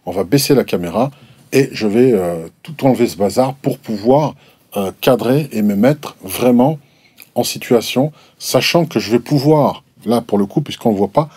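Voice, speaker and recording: A man's voice: mid-range voice, moderate pace, dark tone, breathy edge, dry recording. A man reviewing microphones in a casual, explanatory way, hesitant and full of restarts and fillers. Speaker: gear reviewer. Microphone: desk microphones at a distance, switched between.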